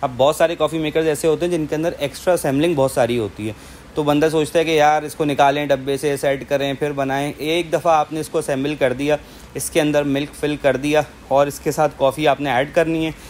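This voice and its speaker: A man's voice: on the high side, steady tone, brisk, darkish tone, a little hiss or hum. A man in his thirties from Pakistan presenting an appliance in a chatty sales manner, mixing in English phrases, recorded in a large indoor showroom. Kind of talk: product demonstration.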